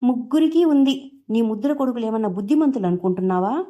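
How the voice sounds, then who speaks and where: A woman's voice: a little high, quick pace, natural voice. A woman voicing an angry young husband who scolds his family for wasting his wife's cooking. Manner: scolding, shouting.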